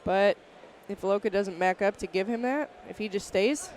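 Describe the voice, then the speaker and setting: A woman's voice: medium pitch, normal speed, slight background noise. A woman giving conversational colour commentary and analysis on a live fight. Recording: loud crowd behind.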